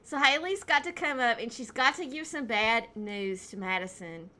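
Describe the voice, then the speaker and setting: A woman's voice: a little high, normal speed, bright, forceful tone. A woman casually narrating a life-simulation game, telling the story in a chatty way with lots of "you know" and "um". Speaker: gameplay narrator.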